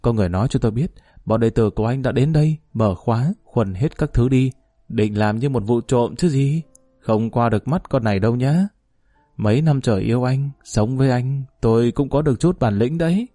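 A man voicing a fiery, sharp-tongued young woman in a spoken story. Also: medium pitch, fairly quick, dry recording, faint music behind, lightly acted. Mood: defiant.

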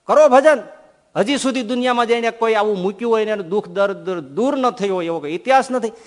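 A male swami giving a humorous storytelling sermon, shifting between soft and loud delivery. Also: high-pitched, quick pace. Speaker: swami giving a scripture discourse. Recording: echoey hall.

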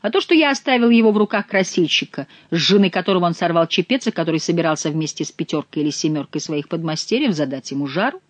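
A woman's voice: fairly low pitch, animated, fast, few pauses, no room sound. A woman voicing an indignant male courtier in torn clothes who complains to his king in an audiobook. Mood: bitter.

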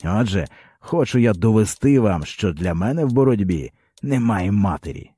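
A man's voice: on the low side, lively intonation, normal speed, dark tone, slightly rough, dry recording. A man reading a stern, cold young commander. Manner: stern, menacing. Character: cold, harsh young male rebel commander.

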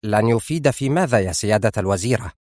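A man voicing a smooth, fawning and cunning male spy in an audiobook, polite and insistent. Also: lowish voice, expressive, quick pace, darkish tone, no room sound, clean studio sound. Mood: sly, insistent. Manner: ingratiating and cunning. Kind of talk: audiobook character voice.

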